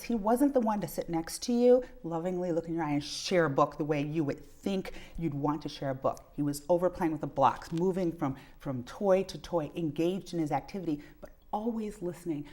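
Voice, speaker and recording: A woman's voice: on the low side, dark tone. A middle-aged woman, a pediatrician giving earnest explanations with examples as an interview guest. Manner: earnest, illustrates points with examples.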